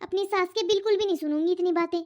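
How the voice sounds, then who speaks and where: A woman playing an outspoken young daughter, very high-pitched. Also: quick pace. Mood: protesting. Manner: protesting, argumentative. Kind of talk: cartoon voice acting. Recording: dull lo-fi audio.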